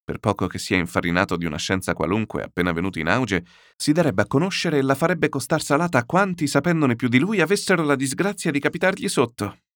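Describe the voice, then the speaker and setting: A man voicing a scheming, fussy gentleman who talks in a sharp, wheedling way. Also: mid-range voice, quick pace, few pauses, no echo, studio quality, voice pushed up, lightly acted. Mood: scornful. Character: scheming, fussy male gentleman buyer, wary and sly.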